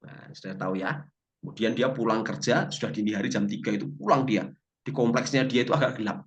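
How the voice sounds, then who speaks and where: Speaking fast in a lowish voice, a man leads a Bible language class, weaving in stories and jokes with lively energy. He keeps asking the class questions, and the audio is lo-fi.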